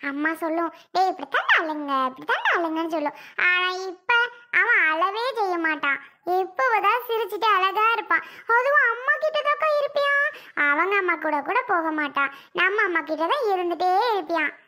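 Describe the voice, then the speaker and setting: A woman's voice: very high voice, big pitch swings, brisk, pushed and bright, full character voice. A woman voicing an eager, helpful little girl in a cartoon, chirpy and reassuring in manner. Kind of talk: cartoon voice acting.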